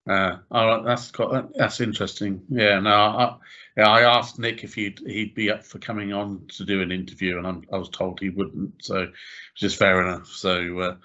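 Hesitant man with a lowish voice. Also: little pitch movement, normal speed, bright, forceful tone, dull audio. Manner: hesitant, many fillers and repeated words. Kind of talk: casual chat.

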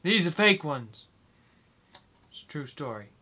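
A twenty-year-old man rambling in a comic vlog, talking slowly and haltingly with long pauses, as if doddering, in a small room at a desk microphone. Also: fairly high pitch, big pitch swings, bright, forceful tone, breathy edge. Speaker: YouTuber. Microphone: desk microphone in front.

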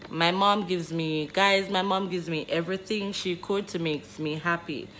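A woman's voice: on the low side, steady tone, normal speed, fairly bright tone, a little hiss or hum. A woman in her twenties vlogging casually to her phone camera in a small bedroom, chatty and rambling, often calling her viewers "guys". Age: 20s. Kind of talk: casual vlog talking to camera. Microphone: phone camera close up.

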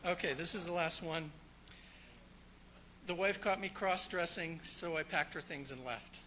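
A man's voice: a little high, unhurried, background noise. A man preaching a church sermon, opening with jokes told in a storytelling manner before explaining scripture. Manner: jokey, storytelling, then explanatory. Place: church sanctuary.

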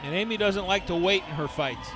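A man's voice: sits high, a little fast, music in the background, a crowd in the background. A man co-commentating on boxing from ringside with casual, joking banter. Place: ringside in an indoor sports hall.

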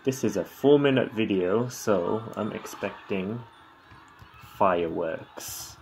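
A man's voice: on the low side, takes it slowly, creaky, a little mellow. A man giving casual, laid-back reaction commentary on a Muay Thai fight in sparse remarks and short interjections, over background noise. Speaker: fight commentary video creator.

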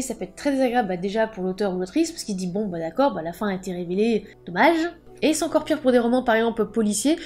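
A woman's voice: a little high, mellow. A woman book vlogger explaining terms in a casual, playful way, with jokey asides.

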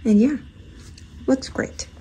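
A young woman vlogging from her dorm room in a casual, soft-spoken way, often half-whispering. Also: slow pace, over loud music, low-quality recording. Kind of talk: casual vlog chat.

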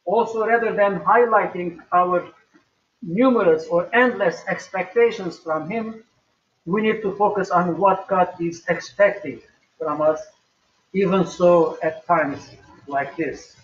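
An older man preaching a recorded sermon at home in a slow, measured way with emphatic rises. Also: sits high. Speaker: pastor. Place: small home room, indoors. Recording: echoey, distant, dull webcam audio.

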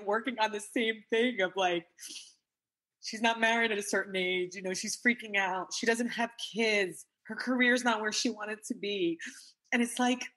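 A woman's voice: medium pitch, a bit bright, husky. A woman coach in an interview, talking in an earnest, emotional way with lots of filler words, tearful. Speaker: guest coach. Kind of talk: casual interview chat.

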